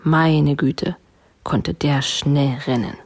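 A woman reading a children's story aloud with a gently wry manner. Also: sits low, fairly even intonation, extremely slow, a little hiss or hum.

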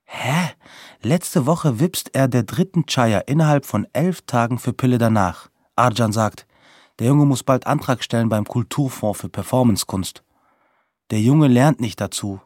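A young man reading a literary story aloud in a deadpan, wry way. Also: mid-range voice, measured pace, no echo, studio quality.

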